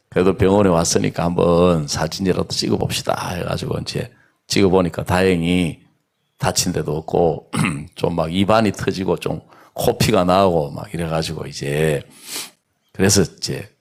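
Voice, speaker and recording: A middle-aged man preaching a sermon at an outdoor church service, telling his story with animated swings between hushed asides and raised emphasis. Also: deep voice, vocal fry. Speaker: pastor.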